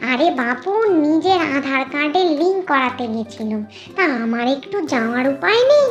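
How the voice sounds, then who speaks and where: A woman voicing a sharp-tongued, fed-up female ghost servant in a cartoon story, grumbling and scolding in rustic speech. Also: high voice, animated, normal speed, dull audio, faint music behind. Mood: complaining.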